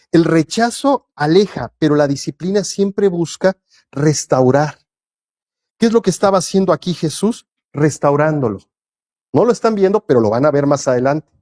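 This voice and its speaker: Un hombre que predica un sermón, lee pasajes bíblicos en voz alta y los explica con preguntas a la congregación. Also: male voice, fairly high pitch, darkish tone. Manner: reads scripture aloud and explains it, asking the congregation questions. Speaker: preacher. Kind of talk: sermon.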